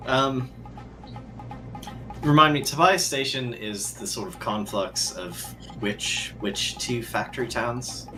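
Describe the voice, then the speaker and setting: A man's voice: medium pitch, slow, over music, rough recording. A man chatting casually as a player at a tabletop role-playing game.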